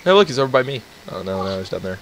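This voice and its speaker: A man's voice: low voice, big pitch swings, very fast, background noise. A young man chatting casually while playing a game with a friend, laughing and teasing a lot. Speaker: gamer. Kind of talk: casual gaming chat.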